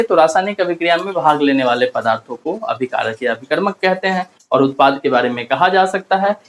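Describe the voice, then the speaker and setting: A man's voice: on the high side, poor audio. A male chemistry teacher, giving a classroom lecture and asking and answering his own questions as he explains step by step.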